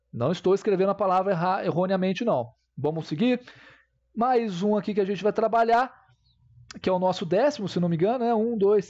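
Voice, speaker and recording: A man's voice: high voice, warm tone, highs cut off. A man teaching a grammar lesson, explaining step by step and checking in with his viewers.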